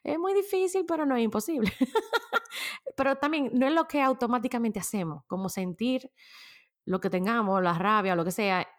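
A woman's voice: on the high side, moderate pace. A woman talking casually as a podcast host about handling emotions, chatty, laughing often and tossing in slang. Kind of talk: casual self-help talk.

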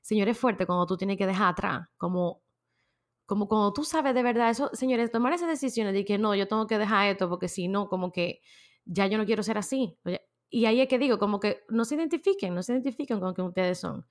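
A woman's voice: medium pitch, fairly quick. A woman with a Dominican accent hosting a motivational podcast. She talks in an emphatic, conversational way, leans on filler words and laughs often. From Dominican Republic. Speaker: podcast host.

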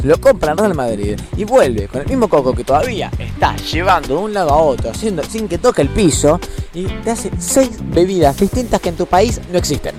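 An Argentine man hosts a scripted comedy monologue with a lively, swinging delivery. His voice sits a little high, and he rants in a mock-serious, exaggerated way. Faint music plays underneath. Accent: Argentine Rioplatense Spanish. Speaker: comedy web series host.

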